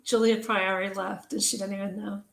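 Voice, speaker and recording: A woman's voice: mid-range voice, little pitch movement, fast talker, creaky, a bit bright. A woman co-hosting a casual live stream over a video call, friendly and chatty, who laughs easily. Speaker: co-host. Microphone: video call setup.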